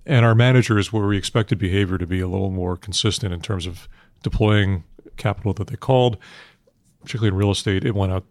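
An older man answering interview questions on finance in a measured, matter-of-fact investment banker manner, heavy with industry jargon. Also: lowish voice, a little mellow, no echo. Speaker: institutional investment manager being interviewed.

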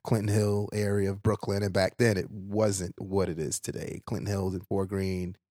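A man talks in a low, easygoing voice, laughing readily and swearing casually. The recording is dry and close, with no room sound. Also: normal speed, dry recording. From Haiti, raised in New York. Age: 40s. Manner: relaxed, lively, laughs often, swears casually. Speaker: guest, brand founder. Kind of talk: casual interview chat.

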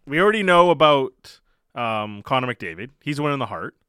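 A man hosting a sports talk radio show, chatting and presenting in an animated way. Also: mid-range voice, normal speed, clear, resonant tone, no room sound, studio quality.

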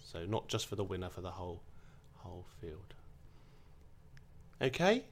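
A man's voice: deep voice, sing-song, moderate pace. A man with an Essex accent, chatting casually and jokily as he hosts a podcast quiz. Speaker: quiz host.

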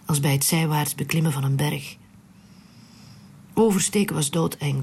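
In a hushed, unvoiced whisper, a narrator reads a literary story aloud in whispered storytelling style. The voice is mid-range and slightly rough.

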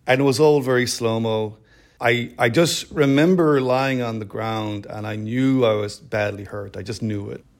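A middle-aged man telling a personal story in an emotional, halting way, with many restarts. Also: medium pitch. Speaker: storyteller guest. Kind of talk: personal story told in interview. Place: quiet room.

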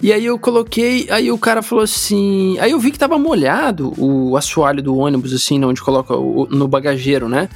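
Man, Brazilian accent, casual podcast chat, slangy storyteller, gravelly voice, faint background music. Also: on the high side, moderate pace, hardly any pauses, no room sound.

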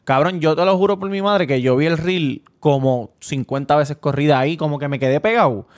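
A man with a Puerto Rican accent co-hosting a podcast, telling a story in excited casual chat, often repeating words. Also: on the high side, fairly quick. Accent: Puerto Rican Spanish. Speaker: podcast co-host.

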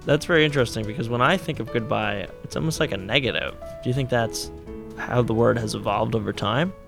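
A male podcast host with a mid-pitched voice delivers his scripted lines in a dry, wry way. Faint music plays underneath him. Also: a little fast, creaky.

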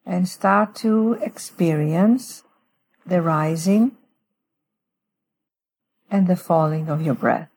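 A woman guiding a breathing meditation in a soothing sleep-story manner, giving gentle, unhurried instructions with long pauses. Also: on the low side, slight background noise. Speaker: guest author leading a guided breathing meditation.

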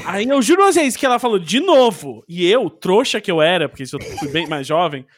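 A man's voice: high-pitched, big pitch swings, a little fast, no room sound, studio quality. A man co-hosting a podcast, telling a story in a casual, stammering, self-mocking way. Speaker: podcast co-host. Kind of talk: casual chat.

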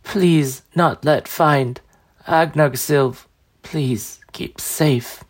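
A man doing a dying old woman, raspy and pleading. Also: on the high side, drawn-out words, pitched above the performer's own voice. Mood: desperate pleading. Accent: foreign, broken common tongue. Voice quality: raspy, gurgling, wet broken speech.

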